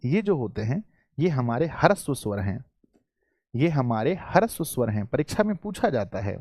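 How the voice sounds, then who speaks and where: Lively-voiced man teaching a live class. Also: medium pitch, no room sound, clean studio sound. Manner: repeats questions to students, calls them "बच्चों", clears throat often. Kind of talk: live online class lesson.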